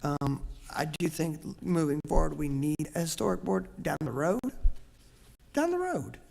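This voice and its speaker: A man's voice: on the high side, steady tone, normal speed, vocal fry, darkish tone. A man on a charter commission, earnestly explaining his reasoning at length in a public meeting discussion. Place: large council chamber. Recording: echoey meeting room.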